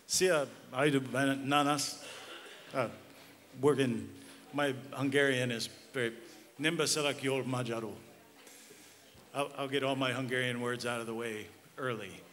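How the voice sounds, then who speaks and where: A man's voice: medium pitch, fairly even intonation, long pauses, a bit bright. American man presenting in an echoey hall. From Pennsylvania, United States. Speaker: guest speaker, regenerative livestock farmer. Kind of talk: informal conference presentation. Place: large reverberant hall. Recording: echoey hall with background noise.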